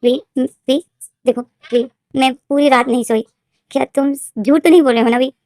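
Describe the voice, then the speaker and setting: A woman's voice: sits high, steady tone, normal speed, warm tone, no room sound, clean studio sound, natural voice. A woman voicing an anxious, doubting young fiancée who pleads in an agitated way.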